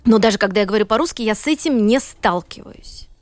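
Talking fast and expressively at a medium pitch, a middle-aged woman from Saint Petersburg, Russia, appears as an interview guest in a studio. She works as a teacher and economist, and she relates her story with earnest emphasis and frequent hesitations, recorded dry with faint music in the background.

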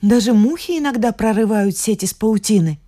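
A woman's voice: mid-range voice, moderate pace, mellow, pitched above the performer's own voice, natural voice. A woman voicing a meek young heroine who pleads earnestly. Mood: pleading.

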